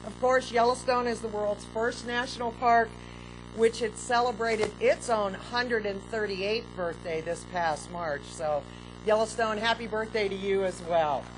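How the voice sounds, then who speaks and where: A woman park superintendent stands at an outdoor podium welcoming people to a public ceremony, her formal speech measured and gracious with occasional fillers. Her pitch is mid-range. The podium mic runs through a PA, and the open-air sound is noisy with a hum.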